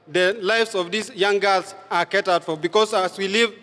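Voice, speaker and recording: A man's voice: high-pitched, steady tone, moderate pace, bright, forceful tone. A Kenyan teenage boy giving an earnest closing statement in a school debate. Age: late teens. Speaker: student debater. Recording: reverberant school hall.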